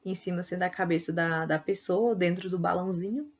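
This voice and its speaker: A woman's voice: on the low side, brisk. Woman, Brazilian Portuguese accent, teacher, patient explaining, slightly dull lo-fi recording. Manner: explains patiently with frequent tag questions. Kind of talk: recorded video lesson.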